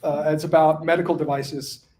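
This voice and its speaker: A man from Denmark, an author answering audience questions in casual academic talk, halting with many restarts and fillers. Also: on the high side, flat delivery, dark tone, slight background noise.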